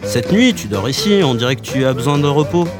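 A man voicing an eccentric young woman who keeps wild animals, bright, bossy and lively. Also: mid-range voice, a little fast, music in the background, close to an everyday voice. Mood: cheerful.

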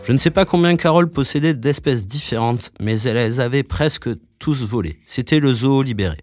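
A man narrating a story in a calm, matter-of-fact way. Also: mid-range voice, normal speed, dry recording, clean studio sound, soft background music. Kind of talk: audiobook reading.

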